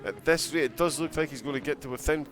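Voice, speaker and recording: A man's voice: fairly high pitch, fast talker, faint music behind. A man commentating a live sim-racing broadcast, chatting and giggling as he reacts to viewers' chat between race calls.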